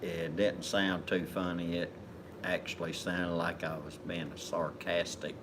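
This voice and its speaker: Slow, very deep-voiced man. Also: flat delivery, background noise. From Kentucky, USA. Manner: slow, apologetic, mumbling. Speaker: co-host. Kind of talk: casual livestream chat.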